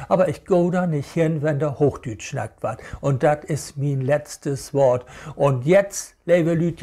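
A man with a Hamburg Low German accent gives a casual, rambling monologue, sounding indignant and slipping Low German words into his German. His voice sits a little high, with a gravelly, fry-laden edge and a mellow, dark tone. He talks slowly and unhurriedly. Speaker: vlogger.

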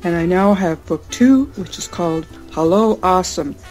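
Dark-voiced woman in a radio promo. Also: fairly low pitch, normal speed. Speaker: author in a recorded promo. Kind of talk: station promo spot. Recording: promo with music bed.

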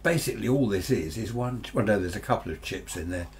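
Here the older English presenter, sixties or above, talks fast, with lively intonation and a lowish, somewhat dark voice. He's a radio hobbyist casually reviewing gadgets without a script, rambling and musing to himself. Background noise and hum are noticeable in his small, cluttered indoor workshop.

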